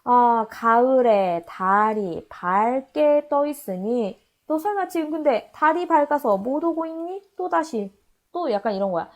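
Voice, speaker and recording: A woman with a fairly high voice teaches a high school literature class in a recorded online lecture. She explains an old poem by acting out its lines in casual paraphrase. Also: lively intonation, unhurried.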